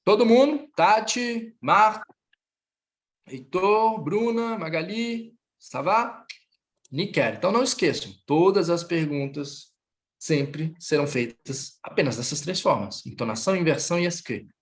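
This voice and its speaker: A man's voice: high-pitched, expressive, unhurried. Male language teacher, patient drill style, live online class, corrects students between languages. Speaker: French teacher.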